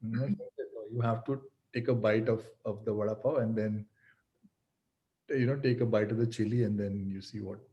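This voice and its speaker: Guy hosting a chat, warm mellow tone, lots of restarts and laughing. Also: lowish voice, fairly even intonation, moderate pace, dull audio. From India. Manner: chatty, hesitant restarts, laughs often. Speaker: podcast host. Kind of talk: casual interview chat.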